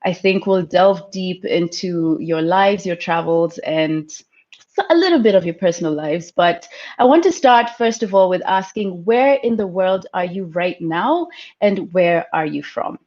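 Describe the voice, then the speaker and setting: A woman's voice: on the low side, expressive, unhurried, a little mellow. A woman from Kenya, hosting an online travel panel and guiding each guest through the questions. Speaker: webinar host. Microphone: video call. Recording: dull lo-fi call audio.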